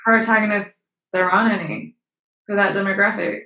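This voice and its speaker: Her medium-pitched voice is steady, pushed and bright, with a moderate pace. She's a young Australian actress and model speaking frankly as an interview guest, with casual swearing and frequent fillers, recorded in a room with noticeable echo.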